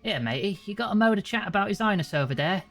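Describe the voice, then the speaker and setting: A man's voice: high-pitched, lively intonation, quick pace, vocal fry, a bit bright, faint music behind, voice pushed up, exaggerated voice. A man voicing a scheming, servile Cockney minion in a video game, like a hunchback assistant, chummy and conspiratorial. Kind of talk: reading game dialogue in character.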